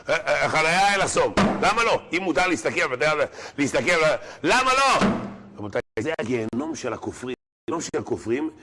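Guy preaching to a room, bright sharp voice, tells funny stories and plays all the parts. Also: medium pitch, breathy edge. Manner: animated storyteller, acting out characters. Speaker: religious lecturer. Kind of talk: sermon with joke stories.

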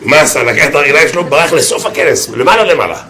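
A man preaches through a funny story with a bright, forceful voice. His pitch leaps high and swoops back down as he acts out scenes. He bursts into loud shouts and sound effects and keeps asking his listeners questions. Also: expressive. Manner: speaks to a group, asking them questions. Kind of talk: humorous storytelling sermon.

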